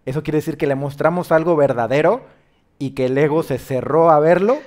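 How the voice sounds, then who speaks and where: A man's voice: fairly high pitch, brisk, a little mellow. A man, a host counseling a caller on spiritual matters, pressing his points with insistent rhetorical questions. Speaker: host giving spiritual guidance.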